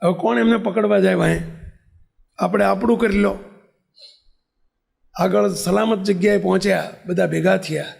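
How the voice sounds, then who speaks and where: High-voiced, gravelly male preacher. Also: normal speed, long pauses. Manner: animated storyteller, often checks in with listeners. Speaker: religious preacher. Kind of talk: storytelling sermon.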